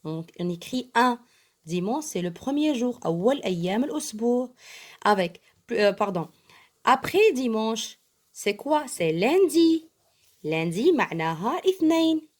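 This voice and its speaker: Woman, patient teacher, emphatic slow explanations, spells letters one by one. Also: fairly high pitch, very animated, darkish tone. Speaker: primary school French teacher. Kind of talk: bilingual lesson explaining an exam.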